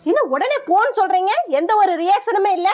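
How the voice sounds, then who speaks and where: A woman with a very high voice and a lively, swooping delivery nags and argues in a short comedy sketch. She talks fast, and loud music plays underneath her. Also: slight background noise. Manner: quarrelsome, nagging wife. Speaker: comic skit performer.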